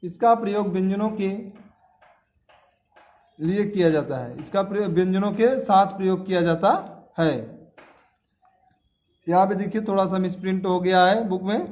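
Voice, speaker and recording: Male schoolteacher, high voice, drills terms, asks the class questions. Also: normal speed, pauses often, a little mellow. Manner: repeats key terms, quizzes students with questions. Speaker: teacher. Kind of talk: classroom grammar lesson.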